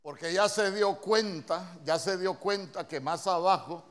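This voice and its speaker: A man's voice: high voice, a little slow. A male preacher with a Honduran accent, giving a conversational sermon and often asking his congregation questions. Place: church.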